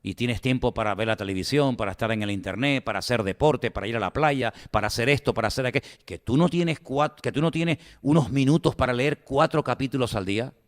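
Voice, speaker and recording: A male pastor delivering an animated, conversational sermon to his congregation, full of rhetorical asides. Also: medium pitch, fast, hardly any pauses, in a large hall. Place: church.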